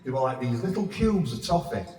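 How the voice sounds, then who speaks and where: A man's voice: medium pitch, expressive, a little fast, a crowd in the background. Sweary Sheffield man in his fifties. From England. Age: 50s. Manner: blunt, sweary, rambling storytelling. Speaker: stand-up comedian. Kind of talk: stand-up comedy set. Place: pub function room. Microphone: stage mic with reverb. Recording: echoey reverb room from far off.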